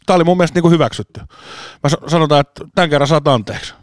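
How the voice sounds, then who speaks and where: A man's voice: on the high side, smooth, dry recording, clean studio sound. Rambling storyteller man on a podcast. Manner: rambling storyteller, swears and laughs often. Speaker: podcast co-host. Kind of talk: casual chat.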